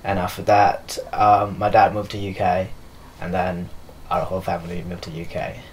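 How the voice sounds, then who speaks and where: A man's voice: low-pitched, completely flat delivery, moderate pace, a little hiss or hum, poor audio. A young man from Nepal, a dancer and choreographer, answering interview questions in a loose, filler-heavy way while seated in a living room. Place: living room with leather sofas.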